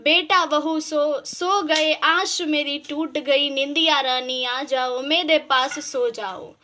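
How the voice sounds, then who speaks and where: A woman's voice: high voice, steady tone, slow, sharp tone, exaggerated voice. A woman voicing a frail old mother praying. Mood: pleading. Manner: tearful pleading prayer, drawn out. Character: frail hungry old mother in her eighties.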